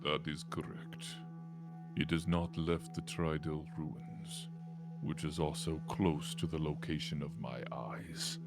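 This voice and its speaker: Give me a deep pitch-shifted voice for a slow, solemn old dragon. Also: male voice, flat delivery, over loud music, heavily acted. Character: ancient eyeless male time dragon. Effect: deep pitch-shifting voice changer. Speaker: game master. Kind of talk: voicing a figure in a tabletop game.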